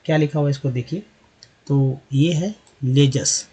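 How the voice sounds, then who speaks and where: A man's voice: a little high, a little slow, mellow, breathy edge. A man giving a spoken lesson on English pronunciation, spelling words out letter by letter and repeating them. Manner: addresses viewers as friends and asks questions to the class. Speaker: English teacher.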